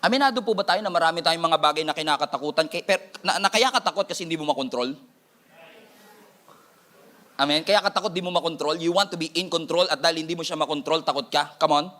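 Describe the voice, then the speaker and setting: A male pastor with a Filipino accent giving an energetic sermon in Filipino and English, with playful asides to the congregation. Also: a little high, fast talker.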